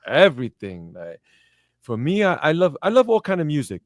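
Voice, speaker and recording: Lively Brooklyn man in casual chat. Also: fairly high pitch, moderate pace, dry recording, clean studio sound. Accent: Brooklyn, New York. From New York. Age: middle-aged. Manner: repeats phrases, slangy and conversational.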